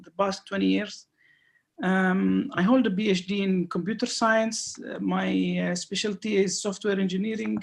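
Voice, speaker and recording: A man's voice: sits high, vocal fry. A man in his thirties from Syria, a guest lecturer on a video call webinar, speaking hesitantly with many fillers and restarts. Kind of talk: webinar talk.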